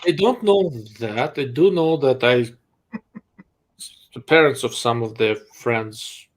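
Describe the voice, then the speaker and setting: The audio is poor on this live-stream chat, where a Russian-accented host fields viewer questions slowly in a medium-pitched voice. His answers come out blunt, laced with dry sarcasm.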